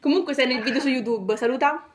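A woman's voice: high-pitched, quick pace, noisy background. A teenage girl from Italy making giggly, teasing phone calls to her fans for a vlog, chatting casually.

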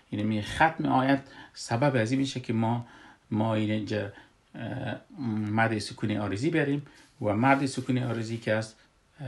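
A man with an Afghan Dari accent teaches Quran recitation rules one point at a time. His explanation is patient and methodical, broken by frequent filler pauses as he searches for the next word. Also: medium pitch. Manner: patient, step-by-step, often pausing with fillers. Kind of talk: classroom explanation.

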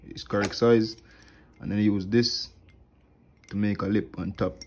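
A young HVAC tech tours his tool bag at home on a wooden floor, filming his hands with a phone held close. His voice sits on the low side, steady, a little slow and mellow, with a faint hiss or hum. He explains each tool plainly, with fillers.

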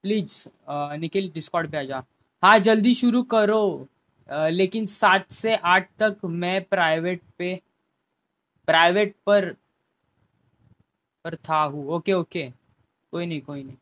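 A young man with a fairly high voice, talking casually into a headphone mic on his game stream. He chats with viewers by name and sometimes pleads with them. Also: slow pace, long pauses, fairly bright tone. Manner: chatty, talks to chat viewers by name, pleading at times. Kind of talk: casual live-stream chat.

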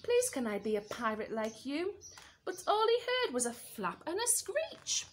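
A woman teacher reads a picture book aloud to small children, expressive and pausing to ask them questions. Her voice is high and swoops up and down a great deal. She takes the story at an unhurried pace. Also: a little hiss or hum.

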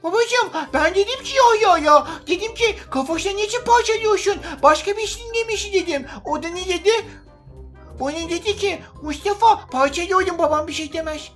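A man voicing an excitable, boastful little boy in a game role-play. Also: extremely high pitch, moderate pace, soft background music, voice pushed up. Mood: excited.

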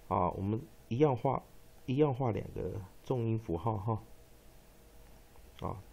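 A man with a Taiwanese Mandarin accent teaching English phonics, who drills syllables slowly and repeats each word many times. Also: mid-range voice, vocal fry, dark tone. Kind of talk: phonics lesson. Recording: dull lo-fi recording.

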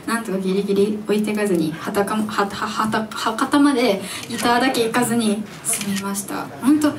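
A young woman in her twenties, a singer chatting with her audience at her own live show, animated and giggly as she tells stories. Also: mid-range voice, fairly quick. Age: 20s. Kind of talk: casual stage MC chat with the audience. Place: live music venue stage. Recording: distant mic in a live club, faint background noise.

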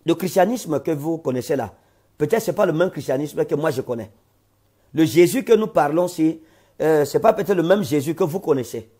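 A man, a pastor, giving a slow, solemn sermon testimony with many repeated phrases. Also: on the high side, warm tone, breathy edge. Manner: slow, solemn preaching with repetitions.

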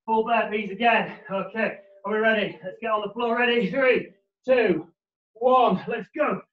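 His voice sits high, with fairly even intonation and a measured pace, as this thirty-something trainer leads a live living-room workout while exercising, pushing people energetically with short gym-bro commands. The audio, from a camera mic across the room, is distant, roomy and muffled.

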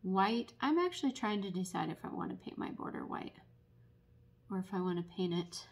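Woman, painting tutor, slightly husky voice, casual how-to delivery with frequent ums. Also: medium pitch, expressive. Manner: unhurried, many ums, explanatory. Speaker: painting instructor and paint retailer. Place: indoors at a table, painting.

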